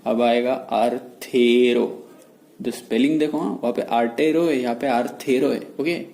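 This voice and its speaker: A man giving a medical lecture in a mix of Hindi and English. He explains slowly and repeats key terms. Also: medium pitch, creaky, dark tone. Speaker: medical teacher. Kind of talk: whiteboard lecture. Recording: echoey room with faint noise.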